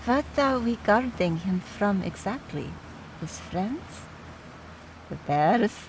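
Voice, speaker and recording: In an audio drama, a woman with a medium-pitched, expressive voice plays a wry, skeptical mourner. She speaks in a measured, conversational way over background noise, sounding wry and pensive.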